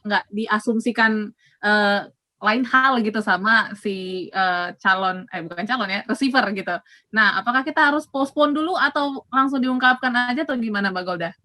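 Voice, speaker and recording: A woman's voice: a little high, pushed and bright, dry recording. A woman hosting a casual interview, asking a long question with many hesitant fillers. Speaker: host.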